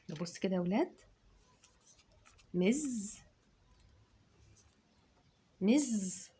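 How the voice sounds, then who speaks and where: An Egyptian woman teaching children to spell, with a slightly husky voice. She speaks slowly, drawing syllables out long, and her pitch rises and falls a lot as she models the sounds. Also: dark tone. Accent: Egyptian Arabic. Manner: slow, stretched dictation of syllables. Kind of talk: dictation lesson for children.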